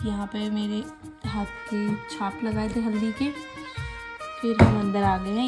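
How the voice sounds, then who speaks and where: A young woman from Uttarakhand, India, rambling casually and laughing a little as she narrates her wedding photos in a vlog voice-over. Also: medium pitch. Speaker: vlogger. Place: voice-over, not recorded at the pictured wedding. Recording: voice with clear background music.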